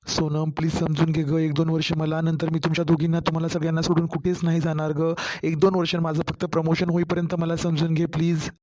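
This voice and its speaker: Man voicing a weary husband far from home, flat. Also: fairly high pitch, fast talker, muffled recording, lightly acted. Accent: Marathwada Marathi. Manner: pleading, tired explaining. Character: young husband working far away, weary. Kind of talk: cartoon story voice acting.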